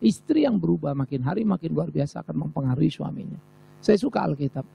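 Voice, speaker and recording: Gravelly, animated man preaching. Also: fairly high pitch, quick pace, a little hiss or hum. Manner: emphatic, rhetorical repetition. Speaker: pastor. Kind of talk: sermon. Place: church service.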